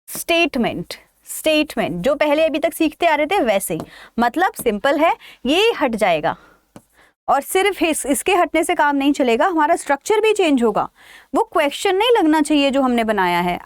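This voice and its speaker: Indian woman teacher, high voice, quizzes the class then answers herself, dry close sound. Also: dry recording. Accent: Indian English. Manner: lively, asks and answers her own questions. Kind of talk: online grammar lesson.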